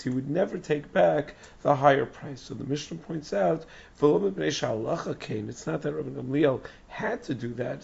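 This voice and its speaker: A man teaching a Talmud class with a hoarse, raspy, strained voice that has nearly gone, reading text and explaining it. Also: a little high, a little mellow. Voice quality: raspy, strained, breathy croak. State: hoarse, lost voice. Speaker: religious teacher giving a daily Talmud class. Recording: dull, muffled lo-fi recording.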